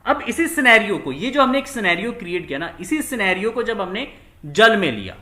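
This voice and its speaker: A male physics teacher with a high, animated voice that swoops up and down as he explains. He keeps asking the class questions and answering them himself, and he acts out small scenes to make a point. The sound is roomy and echoey. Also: a little fast. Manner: repeats key words, asks questions and answers them himself; acts out little scenes with quoted dialogue. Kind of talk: classroom lecture.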